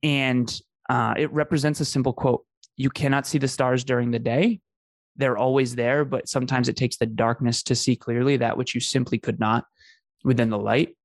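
Man, gravelly, dry close sound, earnest storytelling. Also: medium pitch, level tone, moderate pace, no echo. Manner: earnest, emphatic, repeats phrases for effect. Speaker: podcast host telling his story as a guest. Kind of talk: conversational storytelling.

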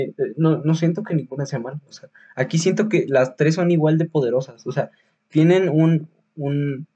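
This podcast host speaks with a Mexican Spanish accent, rambling through a casual film review full of fillers, restarts and slang. His husky voice is fairly high in pitch yet dark in tone.

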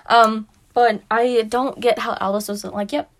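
A woman's voice: fairly high pitch, fairly even intonation, unhurried. Chatty young woman podcast co-host. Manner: chatty, giggly, filler-heavy. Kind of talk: casual chat.

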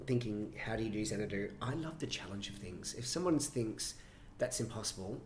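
A middle-aged man, a choreographer and director, telling stories with animated enthusiasm in an interview. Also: lowish voice, fairly quick, slight background noise. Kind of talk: conversational interview. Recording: roomy echo, faint ambience.

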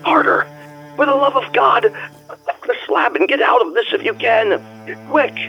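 A man's voice: very high voice, level tone, takes it slowly, gravelly, soft background music, voice pushed up, exaggerated voice. A shrieking, terrified man on a telephone line. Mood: panicked. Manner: frantic, pleading, near shrieking. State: hoarse with fear. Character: terrified man calling up from a crypt. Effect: voice over a telephone line.

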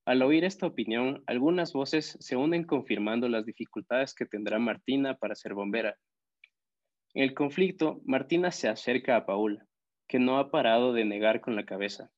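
A man reads a children's story aloud in a steady voice of medium pitch. The recording sounds a little dull and lo-fi. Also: moderate pace. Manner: steady reading voice. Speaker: audiobook narrator. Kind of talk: scripted storybook narration.

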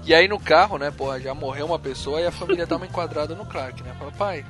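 Fast-talking Brazilian man recapping a film. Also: a little high, over loud music. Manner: lively retelling, acting out quotes, swearing and laughing. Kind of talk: casual film recap chat.

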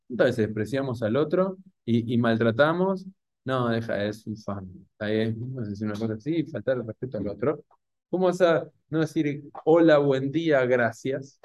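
A man with a Rioplatense Spanish accent giving a Torah class to an audience, animated and full of rhetorical questions. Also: medium pitch, fairly quick, no room sound. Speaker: rabbi or Torah teacher.

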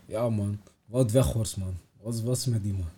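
A man's voice: on the low side, fairly even intonation, normal speed, crowd noise. A man co-hosting a podcast, laid-back but stubborn, often calling his friend "broer". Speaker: podcast co-host. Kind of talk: casual chat.

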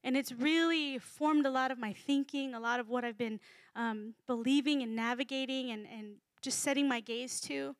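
A woman's voice: sits high, normal speed, dry recording, clean studio sound. A woman in her thirties giving a casual, humorous sermon to a congregation, chatty and full of fillers. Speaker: speaker at a church gathering.

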